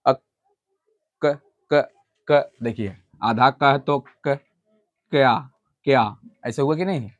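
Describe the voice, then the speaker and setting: A man's voice: mid-range voice, drawn-out words, long pauses, highs cut off. A man teaching a classroom English grammar lesson. He explains step by step and keeps asking the students whether they have understood. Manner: switches between loud stressed points and quiet asides to the class.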